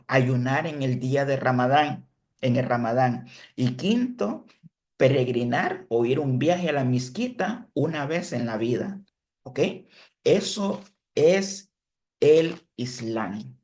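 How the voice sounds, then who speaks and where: A man giving an online religion lesson, explaining step by step, pausing to correct himself and checking in with his listeners. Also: medium pitch, darkish tone. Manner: self-correcting, pauses to fix slips. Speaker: religion teacher. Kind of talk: online class lecture.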